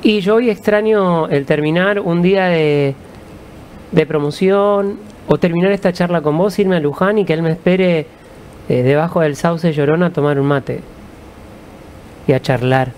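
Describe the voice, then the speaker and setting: A man with an Argentine accent, a musician guest, answering in a calm, reflective storytelling way. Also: a little high, slight background noise. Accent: Argentine Spanish.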